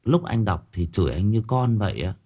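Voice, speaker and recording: A man's voice: fairly low pitch, big pitch swings, fairly quick, husky, lo-fi sound. A man chatting casually with his audience on a livestream, rambling with frequent hesitations and repeated words. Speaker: audiobook reader chatting with listeners on a livestream.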